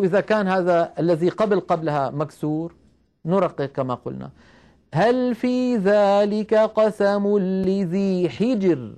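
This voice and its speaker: A man teaching the rules of Quran recitation, explaining each rule step by step, asking his listeners questions and reciting verses slowly as examples. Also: fairly high pitch, a little mellow. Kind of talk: recorded tajweed lesson.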